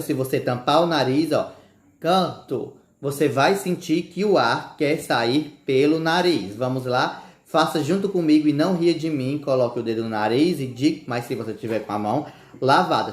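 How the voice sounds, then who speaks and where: Slow, patient male teacher, echoey room. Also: medium pitch. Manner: slow, patient, spells out words letter by letter, checks in with "certo?". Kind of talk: recorded online class.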